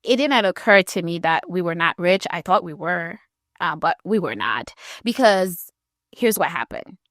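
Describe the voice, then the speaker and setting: A woman in her thirties from Haiti, hosting a podcast and telling her own story in a candid, animated, conversational way. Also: fairly low pitch, a little slow, no echo, studio quality. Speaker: podcast host.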